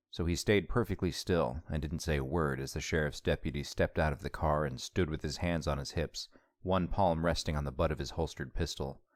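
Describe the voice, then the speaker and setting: A man narrating an audiobook in a steady, measured reading. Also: a bass voice, dry recording.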